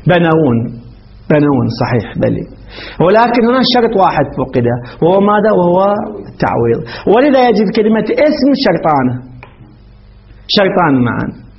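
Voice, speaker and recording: A man's voice: high voice, sing-song, brisk, a little hiss or hum. A man teaching a classical grammar lesson, posing questions to his students and repeating words while he thinks aloud. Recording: dull lo-fi recording.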